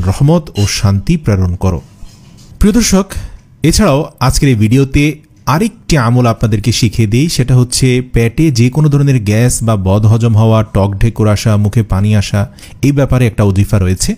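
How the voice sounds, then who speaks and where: A male preacher giving scripted religious instruction in a measured, instructive way, speaking directly to viewers. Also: on the low side, warm tone. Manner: recites Arabic prayer slowly. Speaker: Islamic preacher.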